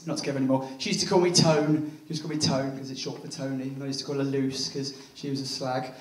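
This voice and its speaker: A man's voice: mid-range voice, flat delivery, quick pace. An English man performing a bawdy stand-up comedy set on a theatre stage, punchy and full of tag questions. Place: theatre stage before a laughing audience. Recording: echoey theatre, mic heard from a distance.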